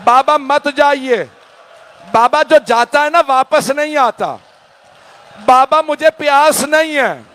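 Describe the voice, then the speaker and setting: A man's voice: very high-pitched, takes it slowly, a bit bright, pitched above the performer's own voice, heavily acted. A man voicing a small, thirsty girl who tearfully begs her father not to leave. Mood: tearful pleading.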